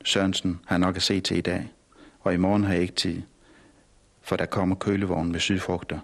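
A man's voice: low voice, flat delivery. A man voicing a cheerful, easygoing father in a storybook reading. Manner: cheerful, friendly.

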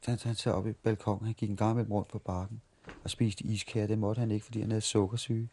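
Man in his 40s from Denmark, somewhat low voice, rambling anecdotal interviewee who stumbles and restarts. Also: flat delivery, a little mellow, breathy edge. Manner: halting, repeats and restarts words while reminiscing. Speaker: street performer interviewee. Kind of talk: storytelling interview.

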